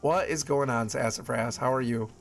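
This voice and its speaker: A man's voice: medium pitch, moderate pace, vocal fry. Chatty male game streamer over music. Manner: chatty, family-friendly, exclaims at small things. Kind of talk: casual live stream chat while gaming.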